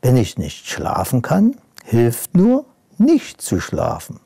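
A man's voice: medium pitch, wildly swooping pitch, slow pace, gravelly, dark tone, breathy edge, no echo, full character voice. A man reading a bedtime story, voicing a young princess who can't sleep and craves adventure. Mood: resolute.

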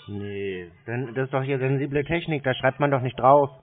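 A man pranking scam call centres chats casually on a recorded speakerphone call, pretending to be naive with an obtuse, rambling, literal-minded manner. His voice is mid-range and moderately paced, with soft music in the background. The phone recording is muffled and lo-fi with faint noise.

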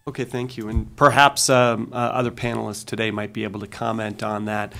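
A man with a Boston accent, a commissioner questioning a witness at a public hearing, halting and full of fillers. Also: lowish voice, little pitch movement, vocal fry, sharp tone. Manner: halting, with many fillers and restarts.

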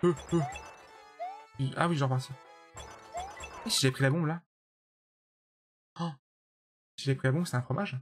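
Male streamer, blunt and talkative, slightly higher pitch, soft game music underneath. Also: fairly even intonation, unhurried, pauses often. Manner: chatty, judges viewer levels bluntly, answers chat by name. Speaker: streamer playing a level-making platform game. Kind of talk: casual live-stream commentary to chat.

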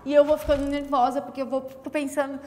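Very high-voiced distressed woman. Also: little pitch movement, fast talker, darkish tone, big-room sound, slight background noise. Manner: emotional, distressed. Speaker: restaurant owner. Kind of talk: reality TV confessional.

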